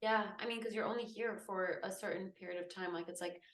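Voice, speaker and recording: A young English woman co-hosting a podcast, talking in a chatty, animated way. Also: medium pitch, fairly quick. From England. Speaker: podcast co-host. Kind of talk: casual chat.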